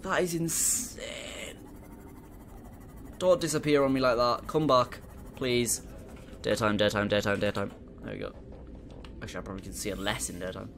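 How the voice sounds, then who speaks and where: With game music clearly behind his voice and slight background noise, a young Teesside-accented YouTuber from Middlesbrough, England, commentates on VR gameplay. His voice is on the low side and fairly bright, fairly quick with fairly even intonation. He's nervous and jumpy, swearing and yelping whenever he gets startled.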